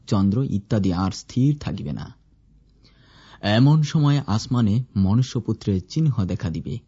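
Low, husky male scripture reader. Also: mellow. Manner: measured, formal recitation. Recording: dull lo-fi recording.

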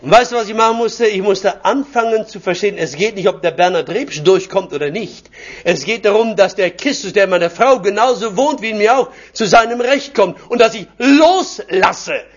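A man's voice: high-pitched, moderate pace. An older man preaching a personal sermon, telling stories from his own life with chuckles mixed in. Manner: anecdotal, chuckling storyteller. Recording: dull lo-fi recording.

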